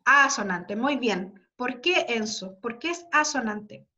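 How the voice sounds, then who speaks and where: A woman's voice: fairly high pitch, lively intonation, slow pace, sharp tone. A woman teacher giving an online class, explaining patiently step by step and often checking that her students follow. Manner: patient, explains step by step and checks understanding with frequent tag questions. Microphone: computer mic on a video call. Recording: dull lo-fi video call audio.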